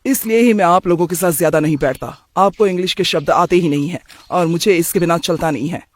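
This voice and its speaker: A man's voice: a little high, a little fast, natural voice. A man voicing a careless young office-going son who talks in a casual, dismissive way in a cartoon story. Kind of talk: cartoon voice acting.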